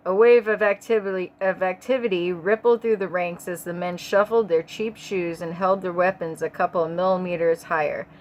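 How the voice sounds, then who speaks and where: A woman's voice: fairly low pitch, steady tone, normal speed, few pauses, darkish tone, a little hiss or hum. A woman reading a story aloud, sick and a bit stoned, in a loose, casual delivery. She stumbles and corrects herself, breaks off for chatty asides, and swears without a second thought. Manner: rambling asides, stumbling over words, swearing. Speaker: audiobook reader. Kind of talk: casual amateur audiobook narration.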